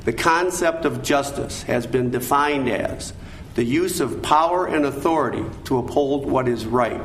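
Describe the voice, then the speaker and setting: An older American man speaking in a measured, earnest and formal way, as a candidate at a forum. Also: mid-range voice. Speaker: judicial candidate, attorney. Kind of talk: formal prepared statements and answers at a candidate forum. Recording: echoey room, background noise.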